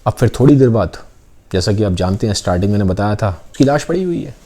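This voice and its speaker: A man's voice: lowish voice, expressive, fast talker, dark tone. A man, casually retelling a story and switching between Hindi and English. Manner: conversational, mixes Hindi with English phrases, acts out quoted lines.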